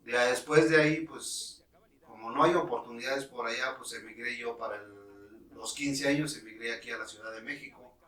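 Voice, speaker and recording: A man in his fifties from Mexico, a guest telling in a relaxed way, with many fillers, how he became a referee. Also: mid-range voice, moderate pace, echoey room, distant mic, poor audio. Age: 50s. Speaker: guest, former futsal referee. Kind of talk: casual interview storytelling.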